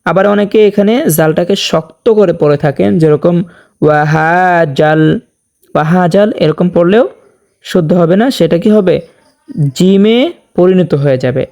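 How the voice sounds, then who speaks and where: A man teaching Quran recitation rules, explaining briskly and then chanting verses slowly and melodically. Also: high-pitched, mellow. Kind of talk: tajweed lesson with slow chanted recitation.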